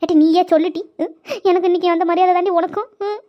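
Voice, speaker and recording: A woman's voice: extremely high pitch, fairly even intonation, fast talker. A woman voicing an indignant grown sister-in-law in a cartoon, complaining and scolding in a hurt tone. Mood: tearful. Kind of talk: cartoon voice acting. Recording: dull lo-fi audio.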